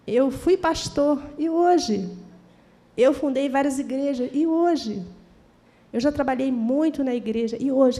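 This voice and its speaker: An older Brazilian woman preaching a sermon, telling personal testimony in a lively storytelling way and acting out the dialogue. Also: fairly high pitch, in a large hall. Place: church hall.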